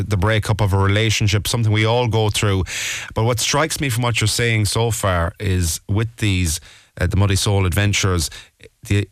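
Low-voiced Irish male radio host. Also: no room sound. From Mayo, Ireland. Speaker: radio talk show host. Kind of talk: conversational radio interviewing.

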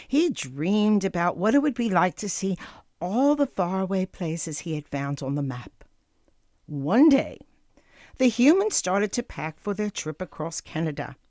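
A woman narrating a children's storybook as a story-time host, with deliberate, expressive delivery addressed to young listeners. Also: medium pitch, no room sound, clean studio sound.

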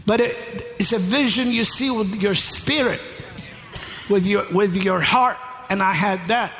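A man preaching a charismatic sermon, moving from storytelling into shouted preaching and calling out to the congregation. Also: sits high, measured pace, a little hiss or hum. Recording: long hall reverb with faint room ambience.

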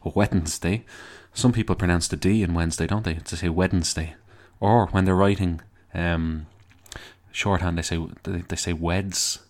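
A man with a low-pitched voice and a Dublin accent introduces his podcast on his own. He talks casually and wanders off into jokey digressions, in the relaxed way of a host chatting to listeners. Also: normal speed. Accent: Dublin Irish.

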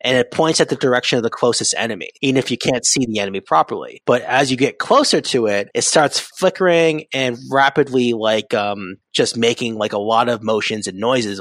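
A man chatting casually on a gaming podcast, animated and rambling, laughing often. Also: medium pitch, no room sound.

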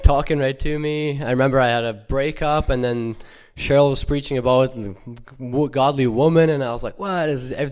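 A young man from Ukraine, unaccented, offers a sincere personal testimony at church in a clear, resonant, slightly mellow mid-range voice. His speech is halting, with frequent fillers and restarts.

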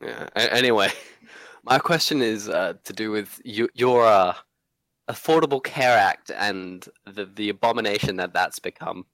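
A man who grew up in Hong Kong, speaking with a British-influenced Australian accent, calling in with a halting question. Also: on the low side, a bit bright, no room sound. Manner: hesitant, halting with fillers and laughs. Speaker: caller. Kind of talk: phone-in question.

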